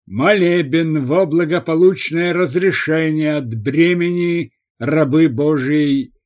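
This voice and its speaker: A man's voice: on the high side, slow, a little mellow, dull audio. A man voicing a stern old male priest, a former soldier, speaking curtly and commandingly. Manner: curt, commanding.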